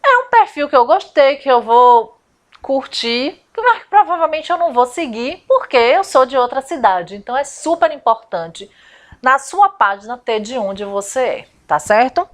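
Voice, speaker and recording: A woman from Salvador, Brazil, gives a chatty step-by-step lesson in an informal instructional video, speaking as a confectioner and business coach. She often poses rhetorical questions, and her voice sits high with big pitch swings at a moderate pace.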